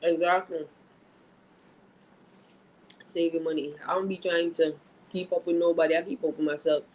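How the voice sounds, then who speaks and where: A man's voice: on the high side, flat delivery, normal speed, poor audio. A man in a casual vlog chat, talking bluntly and in a laid-back way while chewing food, swearing freely. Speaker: vlogger.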